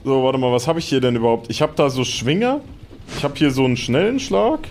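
A young man with a deep voice giving hyped-up, slangy gaming commentary for a video. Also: expressive, quick pace, darkish tone, slight background noise. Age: young adult. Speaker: gaming YouTuber.

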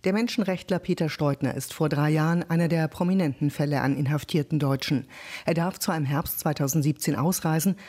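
Female reporter, steady scripted news read. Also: sits low, brisk. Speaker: radio reporter.

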